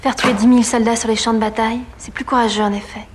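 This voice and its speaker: Actress as haughty young noblewoman, fast-talking, slightly high, sharp retorts, faint ambience. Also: little pitch movement, a little hiss or hum, lightly acted. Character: proud witty young aristocratic woman, disdainful. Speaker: Mathilde, the marquis's daughter. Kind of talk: period film drama.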